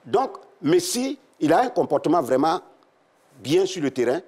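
A man's voice: a little high, big pitch swings, moderate pace, a little mellow, breathy edge. A man, a talkative studio guest chatting and laughing on a football show. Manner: talkative, laughs as he tells stories. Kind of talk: casual studio chat.

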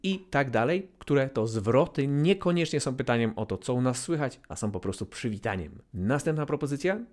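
A man teaching English greetings, playful, repeating example phrases with exaggerated swings in pitch and loudness. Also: animated, normal speed. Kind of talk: online language lesson.

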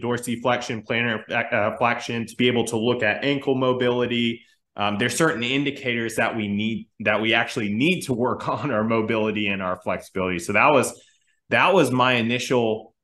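A man in his thirties, a strength coach who co-hosts a podcast, talks casually through training ideas over a video call on a webcam. His mid-range voice is bright and forceful, echoing in the room, and he's thoughtful, with frequent restarts and fillers.

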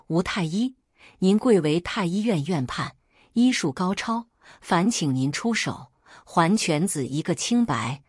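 Woman playing an old patriarch, stern, formal, low, husky. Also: animated, unhurried, no room sound, clean studio sound.

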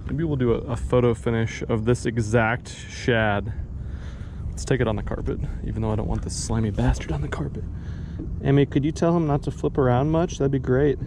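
Out on a lake in a bass boat, a man in his thirties keeps up a relaxed, self-deprecating commentary as he fishes and talks to his dog for his fishing vlog. His voice sits in the middle range, and the action camera mounted on the boat records a noisy background.

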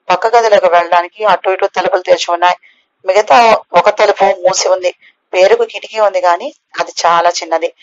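A woman reading a novel aloud as an audiobook narrator, lifting her voice a little for the characters' lines. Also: fairly low pitch. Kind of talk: scripted narration of a novel, voicing all characters. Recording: slightly dull, lo-fi recording.

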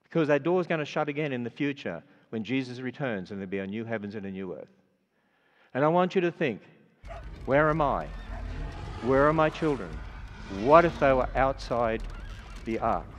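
In a large auditorium, an older man with an Australian accent finishes his sermon and goes on to announcements, speaking earnestly and conversationally with lots of fillers. His mid-range voice moves at normal speed with lively intonation. The recording sounds dull, with long hall reverb.

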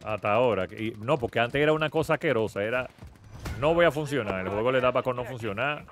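A man with a Dominican accent chatting casually as he hosts a game stream, excitable and full of slang exclamations. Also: mid-range voice, fast. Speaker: game streamer, channel host. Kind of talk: casual gaming stream chat. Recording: gunfire and game noise behind.

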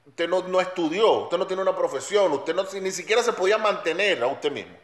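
Guy ranting hard, blunt and emphatic, bit high-pitched, echoey room. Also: expressive, a little fast, fairly bright tone. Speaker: commentator. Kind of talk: opinionated monologue. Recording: roomy echo.

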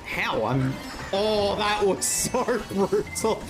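Man, game streamer, excitable and jokey, swinging pitch, unhurried delivery, faint music behind. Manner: excitable, jokey, breaks into laughter. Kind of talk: casual gaming commentary.

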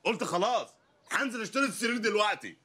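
An actor playing a poor, bumbling loudmouth lawyer husband in a comedy film, ranting and sarcastic in an Egyptian accent. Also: male voice, high voice, lively intonation, rapid-fire, music in the background. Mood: mocking. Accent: Egyptian Arabic. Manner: ranting, sarcastic, wildly swinging delivery.

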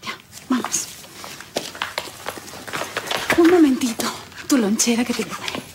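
A woman's voice: on the high side, lively intonation, normal speed, very noisy, lightly acted. An actress playing a flustered housewife and doting mother in a TV sitcom, fussing over chores and her daughter. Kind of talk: television sitcom acting. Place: living room set, indoors.

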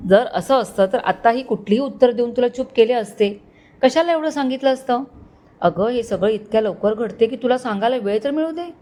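A woman narrator voicing a young husband who talks in a reassuring, steady way. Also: a little high, lightly acted.

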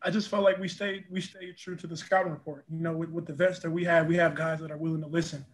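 This is a young adult man who plays college basketball, speaking on a video call after a game to answer the press. Fairly high in pitch with little movement, he's a fast talker, sincere and packed with "you know" and repeats, set indoors before a press backdrop.

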